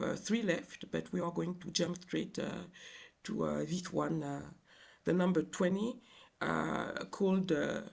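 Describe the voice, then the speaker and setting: A man with a tearful, crying voice giving an informal software tutorial in a halting, hesitant way with many filled pauses. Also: a little high, creaky. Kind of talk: informal screen tutorial narration.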